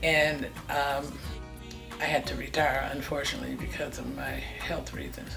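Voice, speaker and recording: With music playing behind her, an interviewee in her sixties from California recalls her family, listing names and dates in turn. She speaks at a moderate pace in a rumbling low, creaky voice that keeps a level tone.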